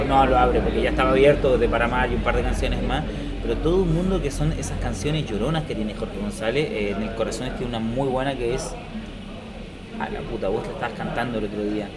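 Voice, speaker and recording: Co-host in his thirties, mid-pitched, meandering delivery, heavy crowd noise behind. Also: brisk, poor audio. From southern Chile. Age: 30s. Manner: rambling, thinking aloud with many fillers. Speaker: podcast co-host. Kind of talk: casual discussion.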